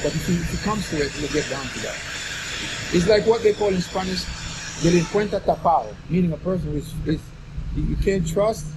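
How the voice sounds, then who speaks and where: A man's voice: high-pitched, brisk, very noisy. A man with a Jamaican accent tells stories casually in Rasta-style speech with patois phrasing, repeating phrases for emphasis. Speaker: storyteller explaining reggae history. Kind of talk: casual conversational storytelling.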